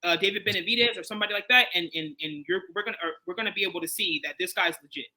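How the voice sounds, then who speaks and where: Man, from Chicago, boxing guest, animated casual talk, repeats himself, very bright tense tone. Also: high voice, racing, low-quality recording. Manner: animated, repeats himself and restarts, many fillers. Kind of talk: casual interview chat.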